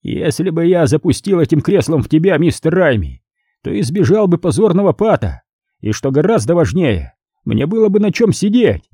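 A man's voice: on the high side, very animated, normal speed, dark tone, slightly rough, dry recording, clean studio sound, voice pushed up, exaggerated voice. A man voicing a ruthless, mocking middle-aged male crime lord in an audiobook, speaking in a sneering, imperious way. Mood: sardonic.

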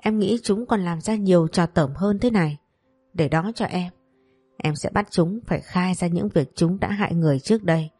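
A cold, controlled young master issues clipped commands and calm threats, voiced by a woman storyteller. His tone stays low and measured. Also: breathy edge, no room sound, faint music behind. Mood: commanding. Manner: curt, commanding. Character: cold, commanding younger son of a rich family.

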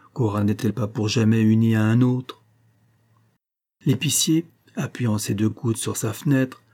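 A man reading a classic novel aloud as an audiobook, in a measured, earnest first-person storytelling manner. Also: fairly low pitch, dark tone, slightly rough. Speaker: audiobook reader. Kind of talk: literary audiobook narration.

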